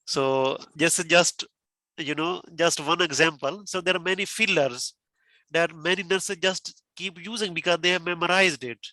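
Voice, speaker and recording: A man's voice: a little high, moderate pace, bright, forceful tone, dry recording, poor audio. A man speaking as a tutor, giving instructive feedback, repeating phrases and checking that he is followed.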